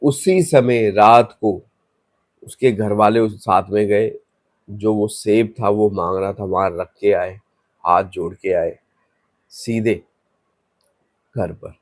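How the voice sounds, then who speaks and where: A man's voice: on the low side, slow, pauses often, no echo. A man telling a horror story in a loose, conversational way, with restarts, and acting out the story's voices in passing. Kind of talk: casual spoken horror story.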